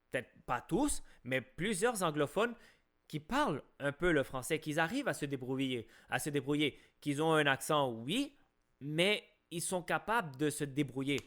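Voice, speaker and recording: Argumentative Québécois man, slightly high voice. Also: animated, moderate pace, a bit bright. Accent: Québécois French. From Quebec, Canada. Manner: argumentative, rhetorical questions, frequent restarts. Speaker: live-stream host. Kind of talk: opinionated live-stream monologue.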